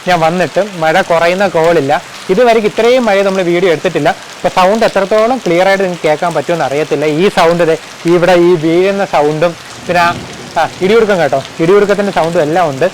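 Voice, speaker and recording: A man's voice: high-pitched, quick pace, slight background noise, rough recording. A man vlogging casually from a car in heavy rain, chatty and teasing his viewers with guesses.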